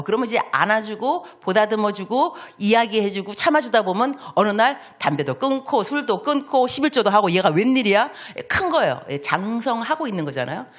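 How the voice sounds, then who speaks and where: A middle-aged woman preaches to a church congregation with a very lively, swooping pitch. She talks in an animated, playful way and slips into little acted-out voices along the way. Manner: animated, acts out voices of children and God, playful asides. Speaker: missionary preacher. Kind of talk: sermon. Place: church sanctuary.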